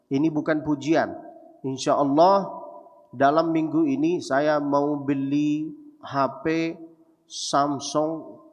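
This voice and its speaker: A young man from Mecca preaching a lively sermon, talking straight to the crowd and acting out what others said. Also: a little high, takes it slowly, long pauses. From Mecca, Saudi Arabia. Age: young adult. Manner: animated, addresses listeners directly, acts out quotes. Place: large hall at a preaching event. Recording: echoey hall, dull muffled sound.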